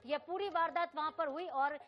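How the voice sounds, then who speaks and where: High-voiced brisk female news anchor. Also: muffled recording, soft background music. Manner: brisk, formal, pressing questions. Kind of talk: studio news reading and live questioning.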